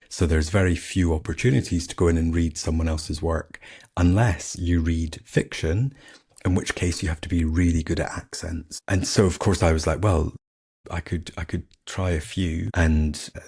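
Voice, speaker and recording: A man's voice: very deep voice, a little mellow, breathy edge. A middle-aged man with a faded Scottish accent, hosting a solo podcast in a candid, self-mocking, chatty way. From Scotland. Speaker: podcast host. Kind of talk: casual solo podcast chat.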